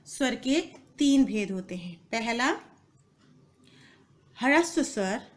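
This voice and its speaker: A woman from India teaches Hindi grammar to young pupils. Her high voice swings widely up and down, and she talks slowly and patiently. She repeats key words and keeps asking the class questions. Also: expressive. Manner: slow, patient, repeats key phrases and asks pupils questions, calls them "beta". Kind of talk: classroom lesson to children.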